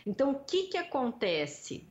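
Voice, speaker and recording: A woman's voice: sits high, wildly swooping pitch, normal speed, a little mellow. Woman speech therapist, muffled sound. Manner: explaining, didactic. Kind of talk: explanatory conversation.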